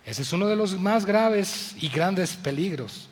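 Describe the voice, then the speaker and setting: A male pastor with a Mexican accent preaches an impassioned sermon, moving between loud appeals and hushed words. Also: sits high, animated, a little slow, big-room sound.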